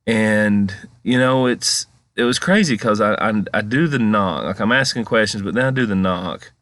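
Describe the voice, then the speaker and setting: A man's voice: on the low side, fairly bright tone, dry recording. A man giving casual, rambling, conversational commentary as a paranormal vlog host. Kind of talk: casual storytelling commentary over footage.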